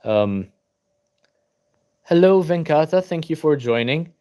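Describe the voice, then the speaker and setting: A young adult livestreamer from Malta chats about books at home on his laptop, tired and relaxed, reading viewer comments and answering them. He speaks Maltese as a first language, talks slowly in a fairly high-pitched voice with many ums, and greets viewers by name.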